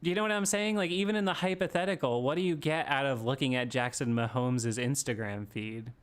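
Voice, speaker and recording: A man co-hosting a casual sports talk stream, ranting with animated energy and swearing freely. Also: mid-range voice, fairly quick, clear, resonant tone. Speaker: podcast co-host.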